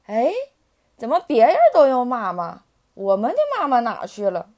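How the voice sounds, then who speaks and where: A woman voicing a group of small, eager tadpoles calling out in a high, plaintive way. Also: very animated, moderate pace, a little mellow.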